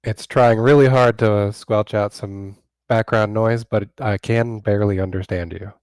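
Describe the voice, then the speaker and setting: A man with a fairly low voice, recorded dry and close. He speaks casually as part of a group chat. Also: steady tone, unhurried, a little mellow, no echo. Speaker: discussion participant.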